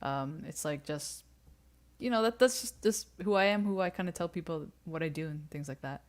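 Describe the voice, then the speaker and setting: A woman guest on a video-call livestream, talking casually and straightforwardly with a few halting restarts. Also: low-pitched. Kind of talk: casual chat.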